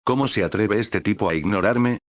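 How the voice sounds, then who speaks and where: A haughty, scornful trickster god, as a male narrator puts him on in a storybook reading. He speaks with an imperious edge in a deep, low voice, recorded dry and close. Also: normal speed, no room sound, close to an everyday voice.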